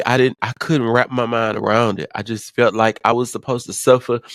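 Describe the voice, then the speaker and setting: Man vlogger, emotional personal story, near tears, halting delivery with repeated words, plain mid pitch, dry close sound. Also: no echo.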